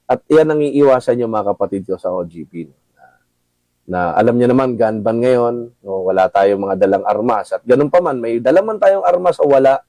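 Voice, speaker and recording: Filipino guy, middle-aged, gravelly mellow voice, chatty advice to the brothers, keeps saying no?. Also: medium pitch, lively intonation, brisk, no room sound, low-quality recording. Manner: addresses listeners as brothers, frequent tag "no?". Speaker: gun club president and rider. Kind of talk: casual advice talk.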